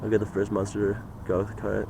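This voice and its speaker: A man's voice: on the low side, completely flat delivery, normal speed, vocal fry, background noise. A young man talking in a rambling, meandering way, full of "like" and "you know", in a casual monologue. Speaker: vlogger.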